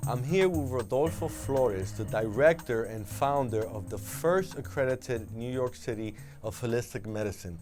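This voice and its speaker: A man hosting a public-access talk show, calmly explaining study tips and introducing his guest. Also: medium pitch, moderate pace, hardly any pauses, over music. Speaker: host.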